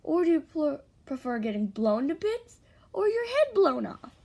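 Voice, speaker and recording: A woman's voice: medium pitch, flat delivery, moderate pace, gravelly, warm tone, breathy edge. A woman voicing a tough young girl who warns off a stranger in a threatening way. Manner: threatening, menacing.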